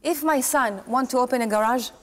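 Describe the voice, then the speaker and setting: A woman in her forties, a guest in an interview, talking earnestly in halting English and laughing often. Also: sits high. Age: 40s. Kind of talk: casual interview chat.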